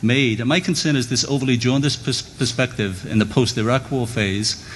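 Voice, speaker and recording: Man giving a formal debate speech in a reverberant hall. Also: mid-range voice. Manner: measured, rhetorical, builds lists of phrases. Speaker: debate speaker. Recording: long hall reverb, faint background noise.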